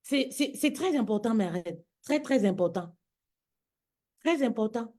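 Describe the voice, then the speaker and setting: In an unhurried, slightly high voice with a dark tone and lively intonation, a woman preaches to women over a social media live. She is emphatic and repetitive, naming her listeners her queens with "my queen."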